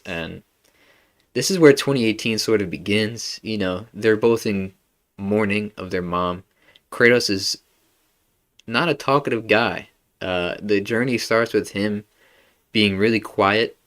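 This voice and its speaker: A podcast host with a somewhat low male voice chats loosely about a game. He talks in a relaxed, slangy way and fills his sentences with "like" and "bro". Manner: laid-back slangy talk full of "like" and "bro". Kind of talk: casual video game discussion.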